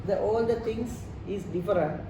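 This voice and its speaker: In an informal teaching-style interview, a Sri Lankan man explains leadership and culture step by step in non-native English, often repeating phrases. He has a high-pitched, mellow voice and talks at a normal speed. The recording is roomy and noisy, made with a distant mic.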